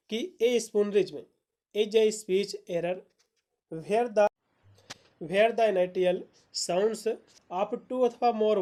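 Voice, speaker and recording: A woman teacher giving an exam-prep lecture, explaining in Hindi with fillers and reading English definitions slowly word by word. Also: mid-range voice, mellow.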